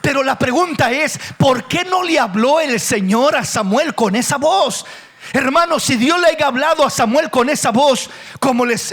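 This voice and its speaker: Male pastor with a really high voice, preaching away, asks lots of questions. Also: fairly bright tone. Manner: preaching with questions and acted quotes. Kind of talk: sermon.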